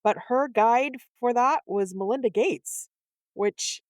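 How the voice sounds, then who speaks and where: A woman's voice: on the high side, slow pace, a little mellow, dry recording, clean studio sound. A middle-aged woman talking conversationally as a co-host on a casual podcast.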